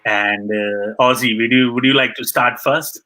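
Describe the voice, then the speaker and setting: A man hosting a live online panel over a video call, halting, with many restarts and repeated short praise. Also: medium pitch, steady tone, pushed and bright, poor audio.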